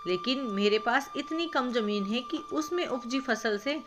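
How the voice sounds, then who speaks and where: A woman's voice: fairly high pitch, lively intonation, unhurried. A woman reading a storybook voices a polite, kind-hearted male village thief who speaks respectfully. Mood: apologetic. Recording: background music.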